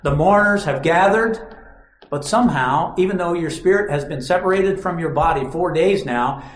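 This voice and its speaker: A man's voice: fairly high pitch, moderate pace. A man preaching a sermon, telling stories dramatically and acting out quoted lines. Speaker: pastor. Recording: roomy echo.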